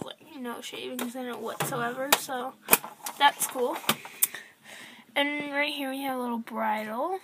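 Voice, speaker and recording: A woman's voice: sits high, fairly bright tone, slight background noise. A young girl giving a casual, rambling tour of her toy horse barn, filmed indoors on a handheld phone. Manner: chatty, rambling, lots of fillers. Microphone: handheld phone camera close to toys.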